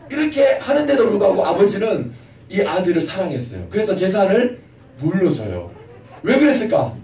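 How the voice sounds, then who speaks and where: A male pastor preaching to children in a church, his high voice swooping up and down as he asks them questions. The echoey room and distant mic make him sound far off. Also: mellow. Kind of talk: children's sermon.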